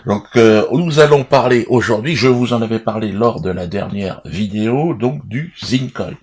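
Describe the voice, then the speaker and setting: Male comedian, lowish register, halting deadpan monologue for an online video, faint background noise. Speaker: comedian presenting his own video. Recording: steady background noise, clicks.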